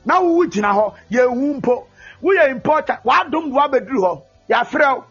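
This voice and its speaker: A man preaching a fervent sermon, often shouting and mixing English with Twi. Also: very high voice, animated, unhurried, husky. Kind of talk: sermon with prayer. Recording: dull lo-fi recording with faint music.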